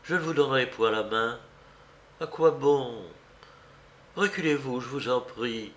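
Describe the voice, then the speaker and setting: Man reading a hushed, grave young woman. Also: medium pitch, a little slow, natural voice. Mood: restrained. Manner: soft, hushed.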